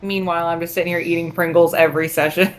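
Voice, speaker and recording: A woman playing in a tabletop game, making quick, offhand remarks in casual chat. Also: fairly low pitch, flat delivery, a little hiss or hum. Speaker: player.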